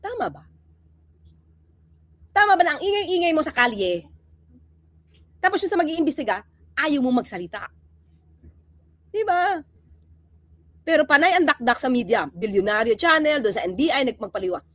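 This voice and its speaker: A woman's voice: sits high, sing-song, moderate pace, pauses often, a bit bright, dry recording. A woman giving impassioned, sarcastic commentary, asking rhetorical questions and acting out little scenes.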